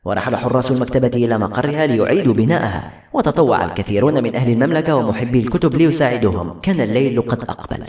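A man narrating a novel in a brisk, dramatic storytelling manner. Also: medium pitch, expressive, darkish tone. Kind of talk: audiobook narration. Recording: roomy with faint music.

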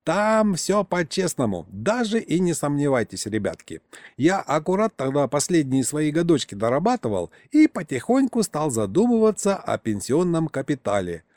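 A man's voice: on the high side, very animated, normal speed, darkish tone, no room sound, pitched above the performer's own voice. A man reading an audiobook, voicing a crafty, boastful old retired miner who rambles folksily through his tales. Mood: yarn-spinning. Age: older.

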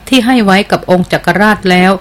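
A woman's voice: mid-range voice, fast talker, close to an everyday voice. A woman reading a devoted, respectful jungle queen. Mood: earnest. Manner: deferential and earnest. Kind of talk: audiobook character reading.

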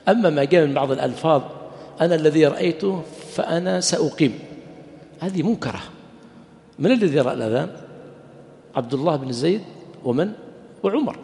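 A man's voice: medium pitch, vocal fry, darkish tone, long reverb tail. A man, a sheikh, giving a conversational religious lesson in a mosque, asking rhetorical questions and answering them himself, and now and then joking with his listeners. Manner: jokes and laughs with the audience. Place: mosque hall.

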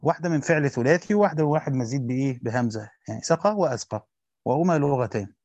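A man with an Egyptian accent reads a Quran commentary aloud quickly as a teacher. He stops to explain grammar and quizzes his students. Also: medium pitch, darkish tone, no room sound. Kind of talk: fast classical Arabic reading with colloquial explanations. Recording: dull lo-fi dry recording.

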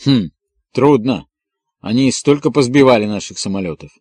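A man's voice: mid-range voice, expressive, moderate pace, a little mellow, dry recording, lightly acted. A man voicing a wry friend on the phone. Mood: teasing. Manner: joking, mock-teasing. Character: wry male contact on the phone, a journalist's friend.

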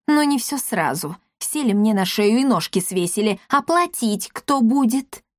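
Grouchy old apothecary, higher and whiny, read by a woman; dry close sound. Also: sing-song, a little slow, no room sound. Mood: grumbling. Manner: grumbling, squealing, hissing. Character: grumpy old male apothecary, sly and whiny. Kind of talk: audiobook character voice.

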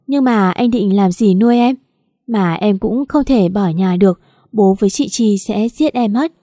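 A woman's voice: mid-range voice, unhurried, warm tone, dry recording, clean studio sound, natural voice. A woman voicing a frightened young woman who answers timidly and stammers in an audio story. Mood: worried.

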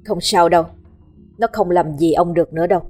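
A woman's voice: on the low side, fairly quick, darkish tone, faint music behind, lightly acted. A woman voicing a stern male exorcist master who speaks in a steely, commanding way. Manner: steely, authoritative.

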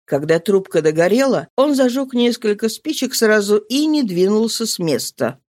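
An audiobook narrator giving a dramatic, expressive literary reading. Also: mid-range voice, normal speed, no room sound, studio quality.

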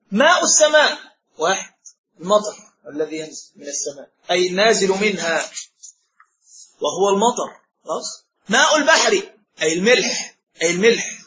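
A man's voice: high-pitched, fairly bright tone. A man teaching a religious lesson as a sheikh, often checking with his listeners through rhetorical questions. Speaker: sheikh teaching Islamic law. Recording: roomy, dull lo-fi sound.

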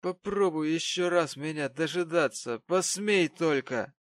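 A man's voice: sits high, a little slow, creaky, fairly bright tone, no room sound, studio quality, voice pushed up, exaggerated voice. A man voicing a sneering drunken husband. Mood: contemptuous. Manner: snarling, contemptuous. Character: cruel drunken young husband, sneering and spiteful. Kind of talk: audiobook character voice.

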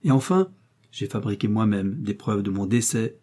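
A proud middle-aged gentleman who turns earnest and self-reproaching, as a man reads him. His voice is mellow and husky. He is a figure from a classic storybook. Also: on the low side, animated, normal speed. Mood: remorseful.

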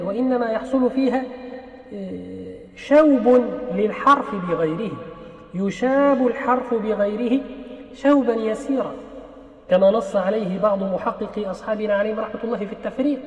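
A man's voice: sits high, darkish tone. A man teaching a classical religious law lesson, explaining patiently, repeating key phrases and acting out mispronounced sounds. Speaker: sheikh teaching Islamic law. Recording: roomy hall, muffled sound.

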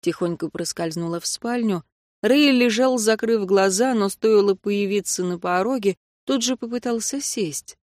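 Expressive woman reading an audiobook. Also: mid-range voice, normal speed, dry recording, clean studio sound. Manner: expressive storytelling. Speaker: audiobook narrator. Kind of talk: first-person audiobook narration.

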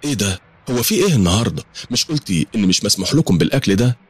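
A man's voice: on the low side, expressive, rapid-fire, a little mellow, slightly rough, pitched above the performer's own voice. A man with an Egyptian accent voicing an anxious young woman who talks to herself as she searches. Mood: puzzled. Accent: Egyptian Arabic. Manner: nervous, talking to herself.

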